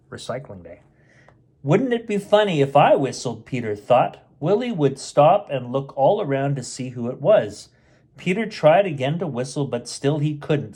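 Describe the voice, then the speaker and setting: A middle-aged man with a fairly high but darkish and slightly rough voice hosts a bedtime story show. He reads a picture book aloud as a storyteller, sprinkling in playful, chatty asides for young listeners.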